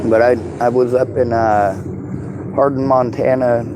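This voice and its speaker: Over clear outdoor noise and vehicle sounds, a man talks casually in a Southern-sounding drawl. His mid-pitched voice has a toothless slur, and he rambles bluntly with plenty of swearing. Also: flat delivery, measured pace. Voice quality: slurred, toothless articulation. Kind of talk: casual street conversation.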